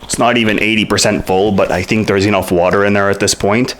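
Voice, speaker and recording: A man's voice: on the low side, fairly even intonation, fast, noisy background. A man casually reviewing a product at home, talking in a blunt, frank and slightly exasperated way. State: out of breath after punching. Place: home room with hardwood floor.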